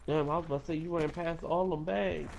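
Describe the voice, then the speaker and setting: A man talks casually with gaming teammates in colloquial slang. His voice is a touch high with a lot of fry, over faint background noise. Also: fairly even intonation, fairly quick, a little mellow.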